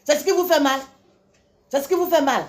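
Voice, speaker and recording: Woman, fervent self-styled preacher, scolding and repetitive, slightly high pitch. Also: fairly quick. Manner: scolding, repetitive, rhetorical questions, frequent "hein". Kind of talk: impassioned religious tirade.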